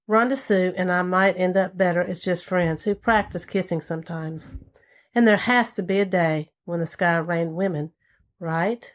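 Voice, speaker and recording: A woman reading a first-person story aloud in an easy, drawling way. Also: fairly low pitch. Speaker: story reader. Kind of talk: first-person scripted narration.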